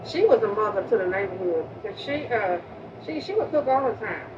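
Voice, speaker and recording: A woman's voice: mid-range voice, fairly quick. Lady remembering a neighbor, earnest, keeps restarting, muffled recording with noise behind. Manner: earnest, repeats and restarts words. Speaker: public housing resident remembering a neighbor. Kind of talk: emotional spoken remembrance. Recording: distant mic, muffled sound, steady background noise.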